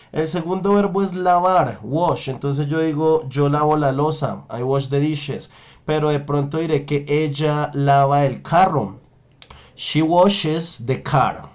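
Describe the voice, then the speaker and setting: A man teaching an English lesson, slowly drawing out example sentences and checking in with his students often. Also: on the high side, darkish tone. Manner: slow, drawn-out model sentences in English. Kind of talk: online language lesson.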